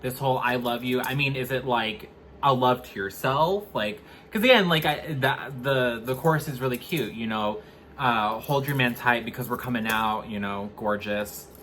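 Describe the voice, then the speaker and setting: Halting, candid man reviewing music. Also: medium pitch, a bit bright, slight background noise. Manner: hesitant, restarts often, candid and opinionated. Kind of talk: casual album review chat.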